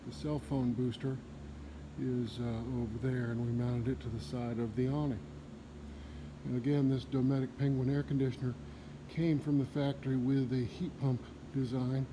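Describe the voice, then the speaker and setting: A man's voice: mid-range voice, background noise. A man with a Southern US accent walks through an RV repair shop, explaining the technical work in a plain, casual way with some fillers. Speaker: RV shop tour guide. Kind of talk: casual walkthrough narration. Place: large indoor RV repair shop.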